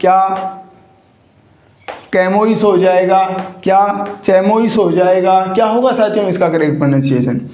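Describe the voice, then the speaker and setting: A man's voice: high voice, brisk, hardly any pauses, warm tone. A man teaching English grammar in a classroom-style lecture, constantly asking rhetorical questions and repeating the answers. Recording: echoey muffled room.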